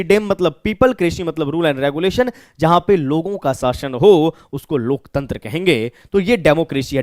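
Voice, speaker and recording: A man's voice: sits high, dry recording, clean studio sound. A man with a Bihari accent teaching an exam-prep vocabulary lesson. He explains step by step, asking questions and answering them himself.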